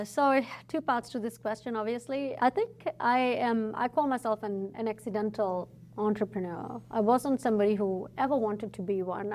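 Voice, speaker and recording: A middle-aged woman from Fiji, a guest entrepreneur telling her story in a relaxed, reflective podcast interview. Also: a little high. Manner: reflective, storytelling, thoughtful pauses.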